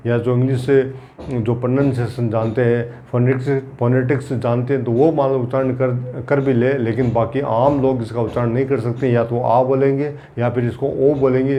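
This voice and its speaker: A man's voice: medium pitch, warm tone, a little hiss or hum. A man teaching Hindi grammar in an exam-prep lecture, repeating key points and using everyday examples to drill them.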